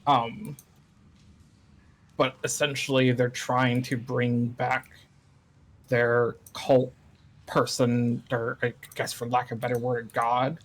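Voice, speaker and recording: A man's voice: mid-range voice, level tone, slow, long pauses. A man playing a tabletop game, talking loosely and casually, joking and swearing as he recaps and plans. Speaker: player.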